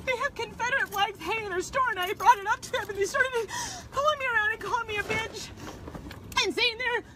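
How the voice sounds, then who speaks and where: Very high-pitched, shaken woman on a phone. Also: brisk, background noise. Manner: shaken, pleading, increasingly tearful. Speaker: mother filming a confrontation. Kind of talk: phone video narration. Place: store parking lot, outdoors. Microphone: handheld phone.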